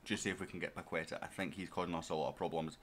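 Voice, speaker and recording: A man with a low, deep voice commentates a management game in an easy let's-play style. He chats directly to his audience and to the players on screen in a relaxed, conversational way. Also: very fast, slight background noise. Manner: chatty, talks straight to viewers and to his players. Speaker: gaming YouTuber.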